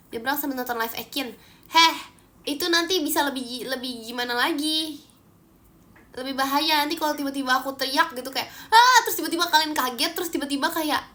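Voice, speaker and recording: A woman's voice: sits high, bright, forceful tone. A young Indonesian woman hosting a casual livestream, chatting and giggling as she reads viewer comments. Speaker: idol livestream host.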